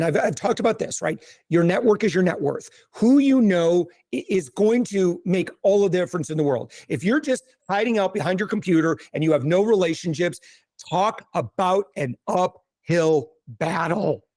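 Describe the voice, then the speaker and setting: A man speaking as a podcast guest, giving energetic, coaching business advice with quick asides and restarts. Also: sits high, no echo. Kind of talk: casual podcast conversation.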